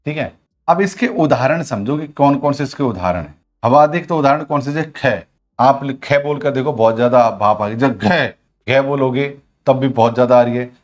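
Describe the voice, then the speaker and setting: Man teaching a live online class. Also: medium pitch. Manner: repetitive call-and-response questioning of students; demonstrates sounds by voicing syllables aloud. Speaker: Hindi grammar teacher.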